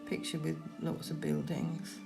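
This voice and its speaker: A woman giving gentle, unhurried painting instruction, talking through her work as she goes, with trailing pauses. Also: low-pitched, monotone, creaky, music in the background. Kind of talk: unscripted painting demonstration, talking while working.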